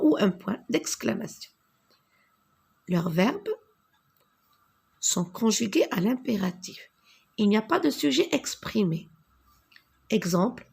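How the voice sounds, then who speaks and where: A woman teaching a grammar lesson to children, patient and deliberate, spelling out each answer as she writes it. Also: mid-range voice, gravelly, a little mellow, husky. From North Africa. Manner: slow, patient, spells out answers while writing.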